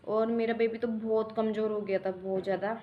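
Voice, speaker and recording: A young mother talks in a casual home vlog at a middle pitch. She rambles and restarts as she tells her story plainly. There is faint noise behind her. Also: flat delivery, a little fast, dull audio. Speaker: mother vlogger.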